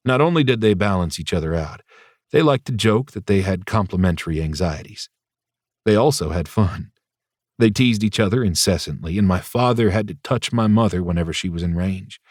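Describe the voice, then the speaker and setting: Brief: lower-pitched male narrator, dry wit, close studio read. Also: a little mellow, no echo. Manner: wry, dryly humorous. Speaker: audiobook narrator. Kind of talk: first-person audiobook narration.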